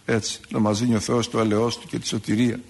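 A man's voice: fairly low pitch, flat delivery, vocal fry, slightly rough. A male priest giving a sermon on saints' lives, in a conversational way with asides and rhetorical questions.

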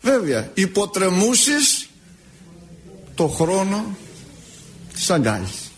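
Expressive Greek Orthodox preacher, higher-pitched man. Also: slight background noise. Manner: expressive, drawn-out storytelling delivery. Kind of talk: sermon.

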